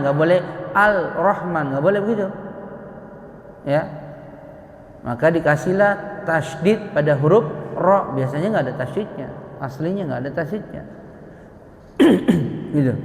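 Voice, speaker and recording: Brief: male teacher, patient lecturing to a congregation, slightly raised pitch, roomy echoey prayer room. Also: a little mellow. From Indonesia. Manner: slow, patient explaining with rhetorical questions. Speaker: Quran recitation teacher. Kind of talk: tajwid lesson to a congregation.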